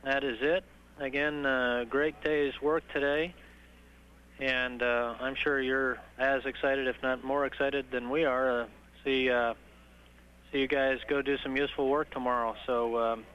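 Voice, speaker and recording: A man working as a mission control communicator, giving measured, halting procedural instructions over the radio. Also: medium pitch, flat delivery. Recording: dull, noisy archival space-to-ground radio recording.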